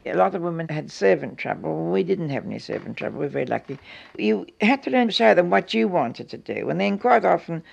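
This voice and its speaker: Gravelly man, muffled old tape. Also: a little high, big pitch swings, fairly quick. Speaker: interviewee. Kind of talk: reflective interview. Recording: muffled archival recording.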